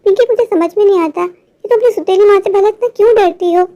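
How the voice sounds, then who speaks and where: A performer voicing a stubborn but protective young boy in an animated cartoon, speaking in a reassuring, insistent way. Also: extremely high pitch, fast, muffled recording.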